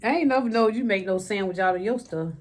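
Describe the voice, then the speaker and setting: Woman, mid-range pitch, sassy comebacks, casual, chewing as she speaks. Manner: chewing while talking; sassy, quick to talk back. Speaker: mukbang co-host. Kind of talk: casual banter over a meal.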